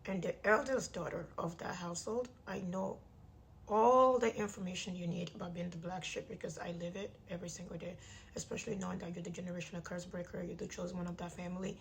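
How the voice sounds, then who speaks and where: A woman's voice: on the low side, fairly even intonation, fast talker, creaky, a little hiss or hum. A woman in her thirties gives blunt, emphatic advice straight to the audience, speaking through clenched teeth because her jaw is wired shut. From Nigerian immigrant household. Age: 30s. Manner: emphatic, blunt, repeats key phrases for emphasis. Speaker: vlogger giving self-help advice. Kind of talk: direct-to-audience motivational advice talk.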